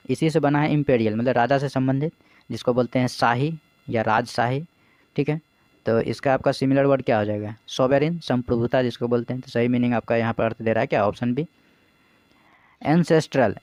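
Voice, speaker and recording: A man's voice: mid-range voice, darkish tone, no echo. A man teaching as an exam coach, explaining English vocabulary in Hindi, asking his own questions, answering them, and spelling words out letter by letter.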